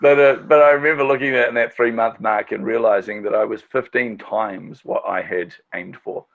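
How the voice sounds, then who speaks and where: A middle-aged man with a gravelly, low voice tells stories in a casual interview, enthusiastic and chatty, with plenty of fillers. He speaks as a marketing strategist and podcast host. The audio is dull and lo-fi. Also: steady tone, moderate pace, fairly bright tone.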